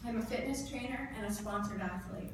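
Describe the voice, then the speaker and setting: A woman's voice: mid-range voice, fairly quick. Echoey, distant Canadian woman giving motivational speech. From northern Ontario, Canada. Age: 30s. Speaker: motivational speaker. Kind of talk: prepared motivational speech to a live audience. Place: indoor event room before an audience. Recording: echoey room, distant mic, clear background noise.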